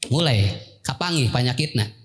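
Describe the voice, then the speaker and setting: A male preacher with a Sundanese accent delivers a story-filled sermon in a mid-range voice. He jokes, acts out the characters in his tales and keeps turning to the listeners with quick questions. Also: mid-range voice. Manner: lively, jokey, acts out quoted characters and calls on the audience. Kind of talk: sermon storytelling to a live congregation.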